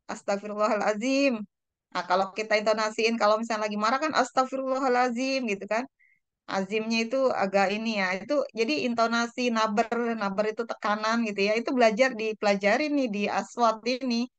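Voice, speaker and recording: Smooth-voiced woman lecturing a class. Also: medium pitch, a bit bright, no room sound. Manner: explains with many fillers and tag questions; slows to sound out Arabic words. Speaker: university lecturer.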